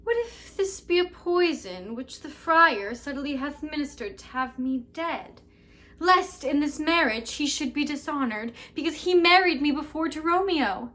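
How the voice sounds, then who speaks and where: A woman's voice: sits high, lively intonation, measured pace. A woman performing Juliet's potion speech as a frightened young woman, in a dramatic classical style. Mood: fearful. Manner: fearful, dramatic, swings from hush to cries. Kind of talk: Shakespeare monologue performance.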